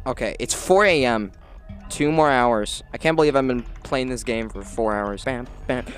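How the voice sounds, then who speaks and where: A man's voice: medium pitch, normal speed, soft background music. A man giving let's play commentary on a horror game, panicky and jumpy, yelping and laughing at the scares between wry, self-mocking asides. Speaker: gamer playing a horror game.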